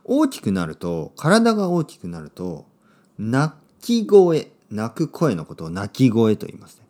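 A man hosting a podcast for Japanese learners, speaking simply with lots of repetition and a playful, expressive delivery. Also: normal speed. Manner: clear, simple phrasing for learners with repeated words; expressive and playful, with sudden pitch jumps. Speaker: podcast host and Japanese teacher.

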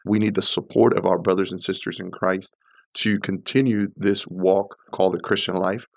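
A man on a church panel, telling a childhood story in a reflective way and filling his pauses with "uh". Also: deep voice, fairly even intonation, creaky. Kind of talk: conversational church podcast discussion.

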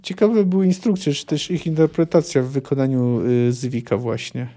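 A man's voice: fairly high pitch, fairly even intonation, normal speed, warm tone. A man hosting a podcast who discusses a novel in a hesitant way, with many fillers. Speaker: podcast host. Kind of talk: reading a novel and commenting on it.

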